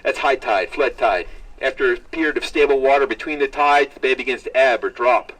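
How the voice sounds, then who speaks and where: A man's voice: mid-range voice, brisk, very noisy. A man working as a tour guide, telling a story live to a group in dramatic short phrases and questions to his listeners. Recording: distant mic, live on-site capture.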